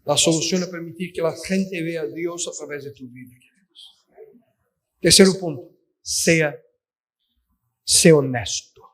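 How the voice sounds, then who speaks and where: Male preacher, high voice, emphatic sermon delivery. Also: steady tone, unhurried, long pauses, a bit bright. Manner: emphatic, addresses listeners as "queridos". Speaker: pastor.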